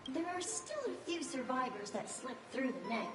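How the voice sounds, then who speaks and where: A woman's voice: high-pitched, very animated, moderate pace, echoey room. A woman voicing a small, formal frost spirit working as a hotel lobby manager, in game audio with music behind. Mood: explaining. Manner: formal, polite.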